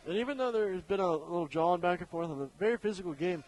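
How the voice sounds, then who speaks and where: A man giving relaxed, conversational color commentary on a radio basketball broadcast. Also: high-pitched, low-quality recording. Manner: relaxed, conversational, drawn-out asides.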